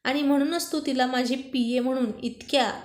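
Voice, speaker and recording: A woman voicing a quick-tempered young wife who scolds her husband. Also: high voice, fairly even intonation, natural voice. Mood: accusing. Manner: indignant, scolding.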